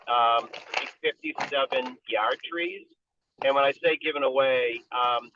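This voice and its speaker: A man calling in by speakerphone while driving his car, giving a steady, informative update to a community meeting with frequent ums. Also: medium pitch. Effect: car speakerphone call. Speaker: community tree group volunteer. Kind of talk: meeting update over a call. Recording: tinny phone line with faint car noise.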